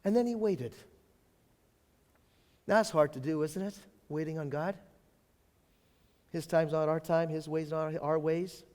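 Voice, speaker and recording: A pastor preaching a sermon in a church, emphatic, repeating key phrases and swinging from loud to hushed. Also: male voice, fairly high pitch, unhurried, long pauses. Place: church sanctuary. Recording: long hall reverb of a church.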